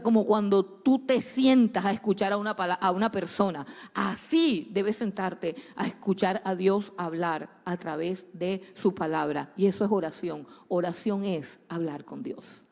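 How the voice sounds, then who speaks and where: A woman preaching a sermon, swinging between loud exhortation and hushed asides. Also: mid-range voice. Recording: long hall reverb.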